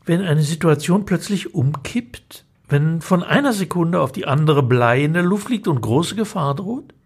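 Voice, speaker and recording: A man's voice: on the high side, slightly rough. A man reads his own humorous column aloud, telling it in a dry, ironic way and acting out the quoted lines. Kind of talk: expressive reading of a humorous column.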